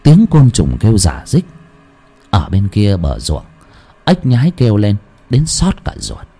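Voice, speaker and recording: Expressive male ghost-story narrator. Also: lowish voice, unhurried.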